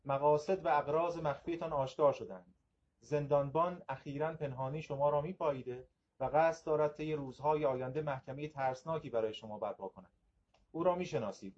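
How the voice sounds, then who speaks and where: A man reading aloud the lines of a prisoner who claims to be the jailer's son, in a measured, gentle way, on a slightly dull recording. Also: a little high, breathy edge.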